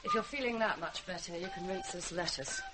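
An actress playing a brisk, practical middle-aged mother in a radio drama, coaxing and a little harried. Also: on the low side, animated, lightly acted. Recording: very noisy radio drama recording.

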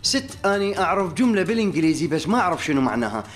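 A man's voice: sits high, very animated, racing, faint music behind. A man with an Iraqi accent playing a cheeky, complaining taxi-office worker in a comic sketch. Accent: Iraqi Arabic.

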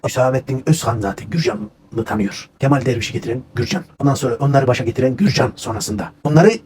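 A man's voice: medium pitch, quick pace, darkish tone, a little hiss or hum. A man telling a rambling, conspiratorial comedic rant. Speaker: comedic ranting storyteller.

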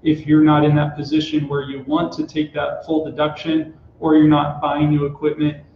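Appearing as a guest on a live company broadcast, a tax expert in his thirties lays out tax rules in a measured, even way, dropping filler "uh"s. His voice is on the high side and quite flat. The small office room gives the sound a roomy, dull quality with a bit of hiss or hum.

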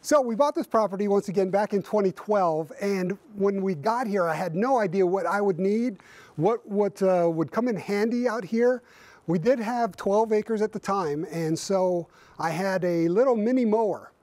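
By a winter barn, a fiftysomething man chats casually to camera about his tractor, often using fillers and restarting his sentences. His voice is high and a little mellow, his speed normal, with no echo.

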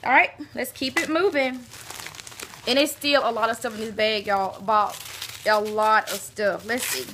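A woman's voice: a little high, fairly even intonation, a little slow, heavy background noise. A woman from Alabama, gushing as she unboxes a mail swap package and talks to her viewers. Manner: gushing, exclaims often, talks to viewers as y'all. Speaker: beauty vlogger.

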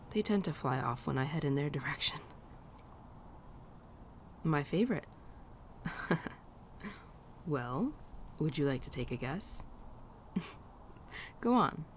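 A woman plays a gentle winter spirit, an affectionate old friend with a low voice, in an intimate girlfriend ASMR roleplay delivered as a soft monologue. Her creaky, heavily acted voice is tender, playful and teasing, often sinking to a near-whisper, with a slight hiss or hum, birdsong and light outdoor ambience behind her.

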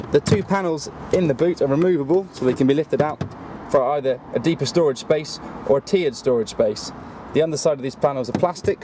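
Brisk Welsh car salesman, forecourt walkaround. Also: fairly high pitch, noisy background. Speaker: car salesman presenting a vehicle. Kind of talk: scripted walkaround presentation. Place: outdoor car dealership forecourt.

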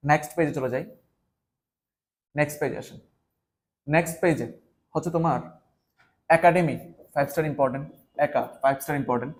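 A man's voice: fairly high pitch, fairly quick, long pauses. A man from Bangladesh giving an exam-prep lesson, talking straight to students and repeating key points with emphasis. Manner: repetitive, emphatic, addresses students directly. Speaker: exam tutor.

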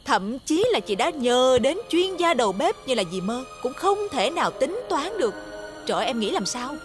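A young woman, acting a melodramatic, grandly resigned older sister in a TV comedy series. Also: high-pitched. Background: music.

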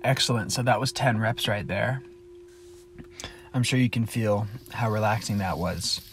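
A man giving guided breathing instruction in a calm, measured, step-by-step manner. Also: on the low side, a little hiss or hum. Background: music with singing bowls.

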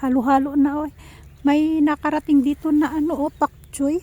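A woman's voice: sits high, little pitch movement, normal speed, warm tone, lo-fi sound. A woman chatting to her viewers in a casual vlog while walking outdoors and gathering vegetables. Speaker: vlogger. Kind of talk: casual cooking and garden vlog.

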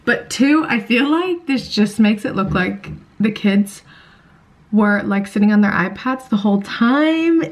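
A young woman working as an au pair, chatting casually to her phone camera and cooing at children in a raised, bubbly voice. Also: medium pitch. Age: young adult. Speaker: au pair vlogger. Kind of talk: casual vlog chat. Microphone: handheld phone. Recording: noisy phone recording.

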